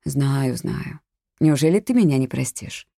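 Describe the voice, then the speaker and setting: Reader voicing a soft, menacing killer. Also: mid-range voice, animated, a little slow, vocal fry, dry recording, clean studio sound. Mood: coaxing. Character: menacing adult male killer, coaxing and cold. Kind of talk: audiobook character reading.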